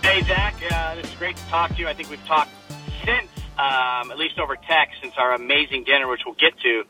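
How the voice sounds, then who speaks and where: A man co-hosting a casual sports chat over a low quality remote stream from a laptop in his car, talking in a joking, chatty way with plenty of filler words. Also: brisk, bright, forceful tone, faint music behind. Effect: low quality remote stream audio. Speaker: sports podcast co-host. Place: inside a parked car. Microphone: laptop microphone.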